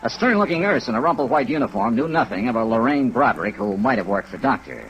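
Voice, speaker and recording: An actor playing a dry, persistent insurance investigator and narrator in 1950s radio style, wry, clipped and matter-of-fact. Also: male voice, medium pitch, very animated, fast, fairly bright tone, highs cut off. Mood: matter-of-fact narrating. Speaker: lead character and narrator. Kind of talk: 1950s radio detective acting. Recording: noisy vintage radio recording.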